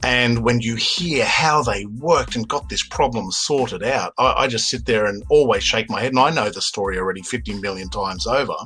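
An Australian documentary filmmaker in his fifties who grew up in Sydney tells enthusiastic anecdotes as a podcast guest. His medium-pitched voice is bright and forceful with a breathy edge, at normal speed with hardly any pauses, and faint music plays behind him.

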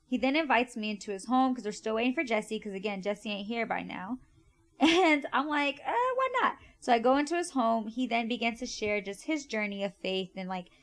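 A woman's voice: on the high side, fairly quick. A young woman hosting a podcast, telling a personal story in a chatty way, full of "like" and "right?". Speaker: podcast host. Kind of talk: casual storytelling.

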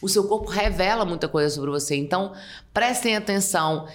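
Woman guest, communication coach, animated explainer, mid-pitched voice, talk-show podcast. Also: fairly quick. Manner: expressive, acts out example quotes. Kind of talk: casual podcast chat, explaining.

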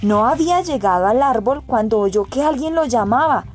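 A woman narrating a storybook with even, clear delivery, faint music behind her. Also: on the high side, moderate pace. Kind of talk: storybook reading.

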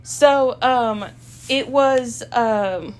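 This Salvadoran college student, young and a native Spanish speaker, joins a casual chat as a guest. Her voice runs on the high side and she draws out her words, talking hesitantly with many fillers and frequent laughter.

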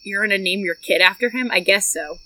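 A woman's voice: mid-range voice, a little fast, sharp tone, low-quality recording. A woman co-hosting a casual movie podcast, chatty and giggly, often trailing off. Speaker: podcast co-host.

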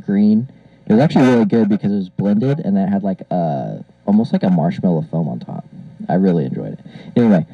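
A young male podcast co-host talks through an old karaoke mic that sounds like a cockpit intercom, muffled and dry. His voice sits a little low, and he rambles with lots of fillers and laughs. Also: no echo. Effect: muffled karaoke-machine mic, like a pilot on an intercom. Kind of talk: casual chat. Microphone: old karaoke machine microphone.

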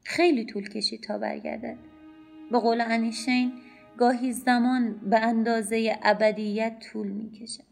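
A woman reads a short story in a calm, measured and introspective way. Her voice sits fairly high with a gravelly texture. Faint music plays under the narration. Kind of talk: scripted audiobook narration.

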